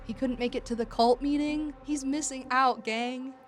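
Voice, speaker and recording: A woman's voice: high-pitched, steady tone, moderate pace. A woman chatting casually and jokingly as a player in a tabletop game.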